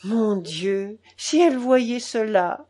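A woman's voice: mid-range voice, big pitch swings, a little slow, darkish tone. A woman reading the part of a stern elderly aristocratic grandmother who scolds coldly and with emphasis. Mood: tearful. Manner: cold, emphatic, scolding with raised voice.

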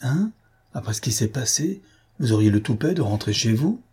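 Brief: a man playing a gruff loyal cop sergeant, urgent and blunt, dark husky voice. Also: big pitch swings, moderate pace. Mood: exasperated. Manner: urgent low warnings, blunt slangy talk.

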